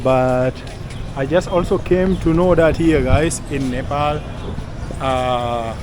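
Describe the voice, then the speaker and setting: A man's voice: medium pitch, fairly even intonation, slow. A man from South Sudan, a chatty travel vlogger talking to viewers outdoors on a busy street. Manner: chatty, keeps addressing viewers as guys. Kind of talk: casual travel vlog. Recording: loud street traffic noise.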